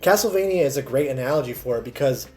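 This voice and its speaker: A man's voice: mid-range voice, expressive, dark tone. A man co-hosting a film podcast, talking in a casual, sweary way. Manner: sweary, quick to laugh. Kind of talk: casual film review chat.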